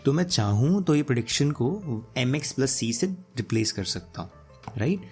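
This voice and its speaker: A man's voice: mid-range voice, lively intonation, unhurried, darkish tone, faint music behind. A man with a sore throat teaching a casual lecture, explaining step by step and often checking in with his students. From Punjab.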